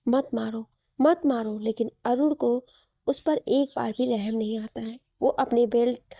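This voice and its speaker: Female narrator for a dramatic spoken story, slightly high gravelly voice, steady paced reading. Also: no room sound, clean studio sound.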